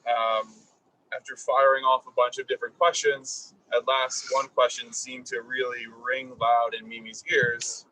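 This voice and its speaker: A man giving a reflective, halting eulogy at a graveside service. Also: mid-range voice, flat delivery, bright, forceful tone, no echo, distant mic, poor audio. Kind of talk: eulogy speech. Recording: husky voice picked up from afar.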